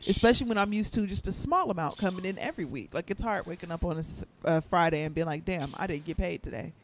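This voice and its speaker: A high-pitched man talks in a relaxed, rambling way as a podcast co-host. His voice sounds faint and muffled, as if it were coming through a wall from another quiet room, far from his microphone. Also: quick pace, a little hiss or hum. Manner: laid-back, rambling storytelling. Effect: sounds far away and muffled, as if heard through a wall. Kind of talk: casual chat.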